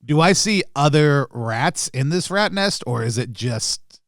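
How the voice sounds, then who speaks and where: A man's voice: on the high side, lively intonation, a little slow, no room sound, clean studio sound. A man chatting casually as he improvises his part as a player in a tabletop role-playing game.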